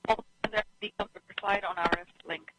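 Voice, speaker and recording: A man on a headset reads off short, clipped callouts over a radio loop that keeps breaking up. His voice sits high and moves at a quick, level clip. Clear static and clicks crackle under every word. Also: steady tone. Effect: radio link breaking up. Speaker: launch team console operator.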